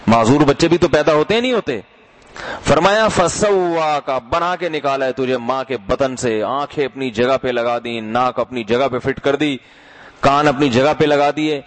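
A middle-aged man preaching a sermon, lively and conversational, throwing rhetorical questions at his listeners and calling them brothers. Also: medium pitch.

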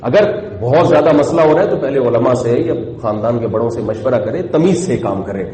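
Echoey preaching man, mellow voice. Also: medium pitch, slight background noise. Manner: conversational preaching with rhetorical questions. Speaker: Islamic cleric. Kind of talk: sermon. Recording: echoey hall with long reverb.

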